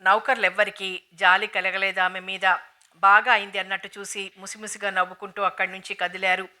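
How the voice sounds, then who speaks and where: A woman narrating a novel in a steady, even storytelling manner, in an audiobook reading. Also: mid-range voice, fairly quick.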